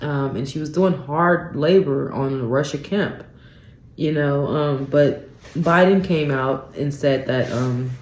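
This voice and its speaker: A woman hosts her own radio talk show alone, speaking at an unhurried pace. She rants with growing disbelief and keeps addressing listeners as "you guys." Her voice carries a roomy, echoey studio sound. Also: deep voice, a little mellow, slight background noise. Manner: incredulous ranting, peppered with "you guys" and "um". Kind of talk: solo radio talk commentary.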